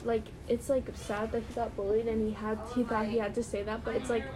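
A woman's voice: a little high, level tone, a little fast, a crowd in the background, low-quality recording. A teenage girl co-hosting a student podcast, speaking earnestly in casual chat with many fillers. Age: teens. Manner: earnest, advice-giving, filler-heavy.

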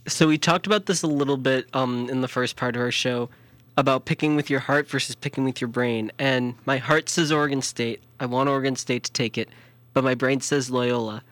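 A man with a Chicago accent co-hosting a sports podcast, thinking out loud and restarting his sentences. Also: medium pitch, fairly even intonation, fairly quick, dry recording. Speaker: podcast co-host. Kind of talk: casual sports talk.

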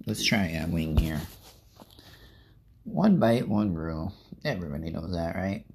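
Young guy doing a chill food review, low voice, talks slow, chewing and rambling. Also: animated, creaky, a little mellow, slightly rough. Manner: rambling, chatty, eats while talking. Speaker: vlogger. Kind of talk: casual food review vlog.

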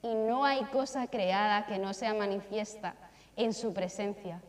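A woman's voice: mid-range voice, steady tone, unhurried. A young woman preaching a sermon in a church, emphatic and repeating phrases for stress. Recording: long reverb of a church hall.

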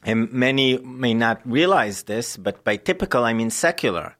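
A man from Israel, a guest in an interview, telling his life story earnestly and haltingly with many pauses and fillers. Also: mid-range voice, a bit bright.

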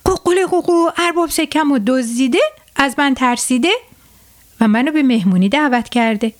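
A woman voicing a clever, boastful male rooster who crows loudly in a storybook tale for children. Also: high voice, close to an everyday voice. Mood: crowing, boastful. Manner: loud crowing sing-song.

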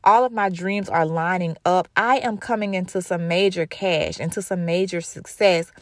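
On her talk show, a host in her thirties speaks in a casual monologue with a fairly low voice at a moderate pace, candid and emphatic, frequently repeating phrases to drive points home. The studio-quality sound has no echo.

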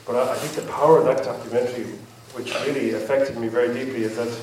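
In a screening hall with an audience, a man hosts a post-film panel, speaking hesitantly, rambling and repeating himself. His medium-pitched, slightly mellow voice moves fast with fairly even intonation, picked up from far off in a roomy hall with faint ambience and a little hiss or hum.

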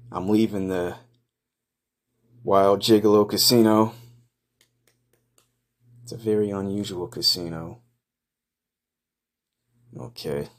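Casting: low-pitched male for off-the-cuff, foul-mouthed, slangy first-person narration with a blunt, mocking edge. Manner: crude, profane, slangy. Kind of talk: casual improvised first-person running commentary.

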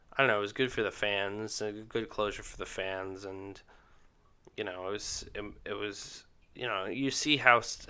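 Rambling casual man, bright voice. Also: on the low side, clear, resonant tone. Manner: rambling, halting, many fillers and restarts. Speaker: podcast co-host. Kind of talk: casual chat. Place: indoor basement room.

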